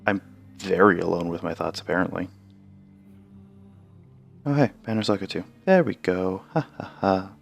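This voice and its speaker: A man's voice: low voice, expressive, normal speed, vocal fry, long pauses, faint music behind. A man doing a let's play, reading game text aloud with self-mocking jokes. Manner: self-mocking, joking asides. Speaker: game streamer.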